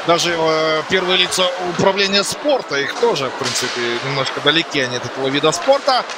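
A man giving live ice hockey commentary in a conversational way, pausing to find words. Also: on the high side, lively intonation, very noisy.

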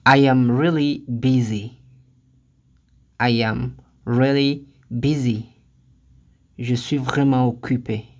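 A language teacher reading short phrases one at a time, saying each twice with careful, deliberate delivery, then giving the translation. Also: mid-range voice, steady tone. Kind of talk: slow phrase-by-phrase lesson reading.

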